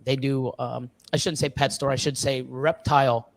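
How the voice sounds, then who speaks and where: Speaking at normal speed with a mid-range, fairly even voice, some vocal fry and no room sound, a ball python breeder chats as a guest on a casual live stream. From a reptile facility in Ontario, he rambles about breeding with fillers, restarts and the occasional curse.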